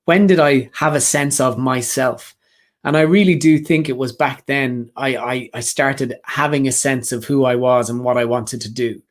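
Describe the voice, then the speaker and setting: A man of ordinary, middle pitch speaks earnestly to job seekers in a live online session. He talks straight to his listeners and drives his points home by repeating key phrases. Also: moderate pace. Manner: earnest, repetitive, speaks directly to the audience. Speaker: career coach presenter. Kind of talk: motivational live session talk.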